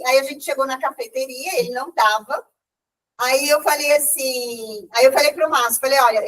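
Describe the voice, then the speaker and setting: Her voice is high and a bit bright: a church group member with a Brazilian Portuguese accent sharing an animated, emotional testimony at a meeting. She restarts sentences and quotes herself often, recorded from well away from the microphone.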